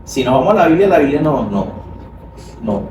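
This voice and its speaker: A man's voice: a little high, sing-song, brisk. A man hosting a conversation, asking questions in a hesitant way and often repeating words. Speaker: host. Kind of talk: conversational interview. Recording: echoey room, far from mic, noisy.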